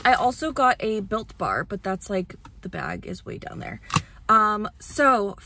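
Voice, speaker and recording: Her mid-range voice swings widely in pitch, sounding bright and forceful and a little slow, as a young woman chats casually in a vlog, full of "like" and easy laughter. She's out on errands, in the car and in and out of doors, with slight background noise.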